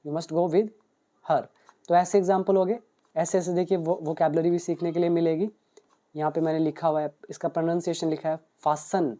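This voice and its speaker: A man's voice: a little high, dark tone. A man who teaches English, explaining a book page by page and reading out paired Hindi and English examples. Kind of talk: book walkthrough lesson.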